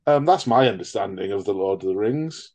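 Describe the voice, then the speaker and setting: A man's voice: lowish voice, expressive, brisk, a little mellow. A man co-hosting a casual film podcast, jokey and sweary, rambling through his points. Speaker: podcast co-host. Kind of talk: casual chat.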